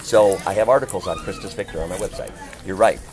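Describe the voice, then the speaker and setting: A fairly low male voice swoops wildly in pitch and moves fast over music. He is preaching passionately outdoors in a big, loud voice, declaiming emphatically and asking rhetorical question after rhetorical question in open-air discussion.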